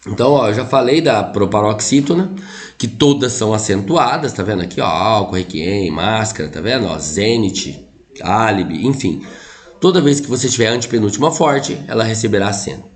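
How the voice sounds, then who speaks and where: Lively Brazilian teacher with a bouncing pitch. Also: male voice, fairly quick. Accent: Brazilian Portuguese. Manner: lively, keeps checking in with "tá?" and "ó". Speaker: Portuguese teacher. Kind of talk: online grammar lesson at a whiteboard.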